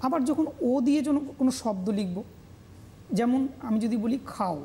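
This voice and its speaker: A Bengali-accented woman teaching grammar on a TV lesson, slowly repeating words to drill their pronunciation. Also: on the high side, expressive, gravelly, mellow, a little hiss or hum. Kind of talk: televised classroom lesson.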